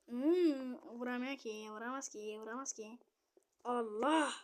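A young woman casually commenting on her gameplay, muttering to herself and then shouting at opponents. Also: a little high, a little slow. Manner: chatty, swings between muttering and loud outbursts at opponents. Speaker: gamer streamer.

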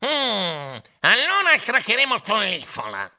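A man doing a gravelly bossy rat captain. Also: high-pitched, wildly swooping pitch, a little slow, sharp tone, voice pushed up, full character voice. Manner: barking, bossy orders. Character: short-tempered skinny male rat captain. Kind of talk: storybook voice acting.

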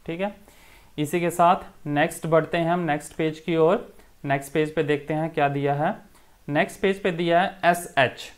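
A man teaching an English textbook lesson, explaining in Hindi and reading the English words slowly, one at a time. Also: fairly high pitch, steady tone.

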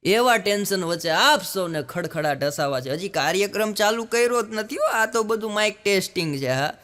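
A man performing stand-up jokes on stage, acting out voices in animated bursts. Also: sits high, moderate pace. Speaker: stand-up comedian. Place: live stage show with audience.

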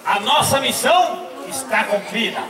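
A pompous inventor doctor proclaims proudly in theatrical style. His voice is extremely high, with long reverb, heard from far off across a stage. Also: lively intonation, normal speed. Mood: solemn pride. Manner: grandiose, theatrical announcing. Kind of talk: amateur children's stage play. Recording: echoey, reverberant distant stage with crowd.

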